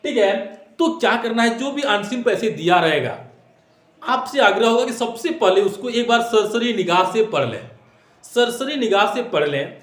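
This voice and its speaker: A man's voice: sits high, lively intonation, moderate pace, a bit bright. A man teaching exam tips in a classroom style, repeating points and asking rhetorical questions while mixing in English phrases. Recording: echoey room.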